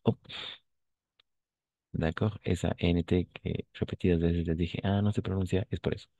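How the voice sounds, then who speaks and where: A man teaching a French lesson in Spanish, patiently repeating and spelling words out slowly. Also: low voice, fairly even intonation, warm tone, no room sound, highs cut off. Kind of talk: online language lesson.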